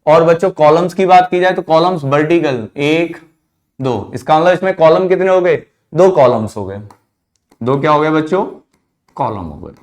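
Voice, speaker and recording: Male math teacher, somewhat high voice, drills students with repeated questions. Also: normal speed, a little mellow. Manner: asks students questions and answers them himself, repeating key terms; calls students "children", drops his voice at answers. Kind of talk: classroom lecture.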